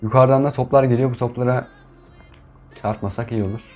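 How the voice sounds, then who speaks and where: A young man commenting on his gameplay in a casual, chatty way, who gets frustrated and shouts at opponents. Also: medium pitch, fairly even intonation, fairly quick, highs cut off, soft background music. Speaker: gaming YouTuber.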